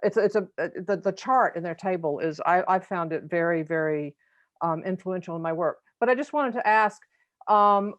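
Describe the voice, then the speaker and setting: A woman taking part in a seminar over a video call. She asks a long, measured question and comment with some fillers. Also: fairly low pitch, dry recording. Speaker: seminar participant asking a question. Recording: dry, slightly dull video call audio.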